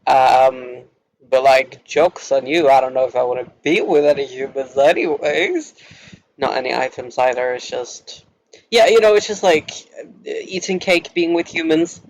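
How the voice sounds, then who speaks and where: A man's voice: mid-range voice, moderate pace, rough recording. A young man from Norway, a native Norwegian speaker, telling a story to camera in a casual, rambling vlog style, giggling often and filling his speech with filler words. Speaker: vlogger.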